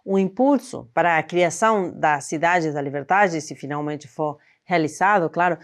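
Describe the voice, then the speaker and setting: A woman's voice: low-pitched, moderate pace. Woman hosting a news show. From northern Argentina. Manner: explanatory, conversational. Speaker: news host. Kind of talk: news presenting. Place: studio.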